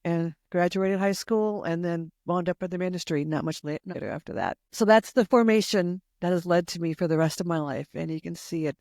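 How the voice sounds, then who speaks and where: A woman's voice: on the low side, fairly quick, few pauses, a little mellow, no room sound, clean studio sound. A woman in her sixties, a longtime youth pastor, telling her personal faith story in an earnest, heartfelt way. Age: 60s. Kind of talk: personal faith testimony in conversation.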